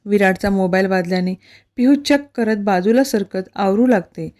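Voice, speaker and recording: A woman narrating a romance story in a steady, expressive reading. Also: mid-range voice, moderate pace.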